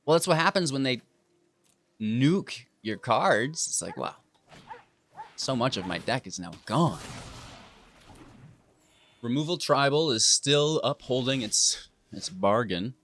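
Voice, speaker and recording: A man's voice: mid-range voice, lively intonation, a little slow, long pauses, fairly bright tone. A man giving casual, playful commentary over his own card game, teasing his opponent as he plays. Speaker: gaming video host.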